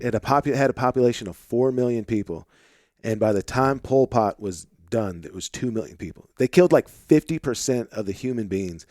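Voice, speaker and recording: A man hosting a podcast, talking loosely and excitably, swearing and calling his guest "dude" and "man.". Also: mid-range voice, brisk, dry recording, studio quality. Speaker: podcast host. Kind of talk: casual conversation.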